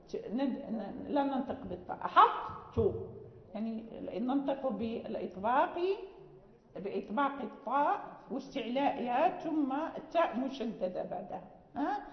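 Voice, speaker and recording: A woman's voice: high voice, lively intonation, moderate pace. A woman teaching a class on Quran recitation, explaining patiently and often checking that students follow. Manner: patient explaining, frequent restarts and checking questions. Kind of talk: classroom lecture. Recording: echoey hall, dull lo-fi sound.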